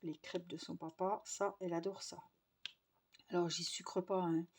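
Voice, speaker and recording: A woman's voice: fairly low pitch, flat delivery, normal speed, husky. A young woman chatting casually to her viewers, rambling with lots of fillers and restarts. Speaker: vlogger.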